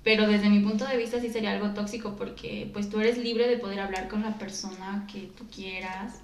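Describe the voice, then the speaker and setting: A woman in casual chat, setting out her views in a reasoned, measured way. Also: medium pitch, steady tone, recorded from a distance. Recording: echoey room.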